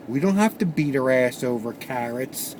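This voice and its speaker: A man telling a personal story in a candid, halting way. He often repeats words as he gathers his thoughts and swears bluntly. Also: mid-range voice, lively intonation, darkish tone, a little hiss or hum. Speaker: vlogger sharing personal stories.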